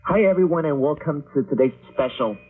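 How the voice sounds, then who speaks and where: Heard over a tinny shortwave broadcast with music, a man with a slightly high voice announces briskly and chats with his co-host on the radio.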